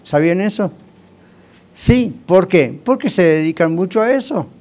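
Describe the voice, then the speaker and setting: A man's voice: high voice, lively intonation, measured pace, darkish tone. A male pastor preaching a sermon in a conversational way, often asking the congregation rhetorical questions.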